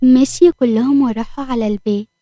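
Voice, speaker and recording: A woman with an Egyptian accent narrating an audio story in a brisk, expressive way. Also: a little high, no echo.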